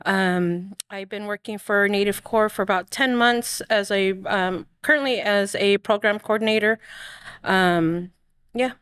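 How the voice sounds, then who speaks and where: A woman's voice: medium pitch, a little slow, a bit bright, smooth, no echo, clean studio sound. A woman from Arizona, a guest in an interview, speaking hesitantly with fillers. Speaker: guest, program coordinator. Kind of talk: casual interview talk.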